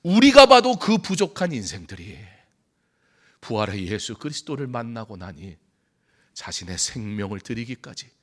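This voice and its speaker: A man preaching a Sunday sermon in a church, swinging from loud outbursts to hushed whispers and acting out short dialogues. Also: fairly low pitch. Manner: acts out short dialogues in different voices. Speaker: pastor. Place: church sanctuary.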